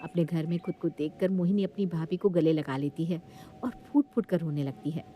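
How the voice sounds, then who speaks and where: A woman's voice: lowish voice, fairly quick, a little hiss or hum. Woman narrating a moral story. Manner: steady storytelling.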